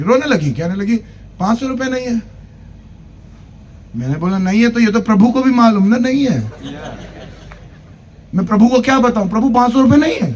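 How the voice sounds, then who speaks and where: A man's voice: sits high, darkish tone, slight background noise. A man preaching at a church convention, telling a humorous personal story, acting out the dialogue and urging the congregation to clap. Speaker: pastor. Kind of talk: sermon.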